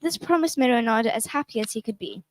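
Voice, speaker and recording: A woman narrating a children's story in a clear, measured way. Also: a little high, lively intonation, no room sound, low-quality recording.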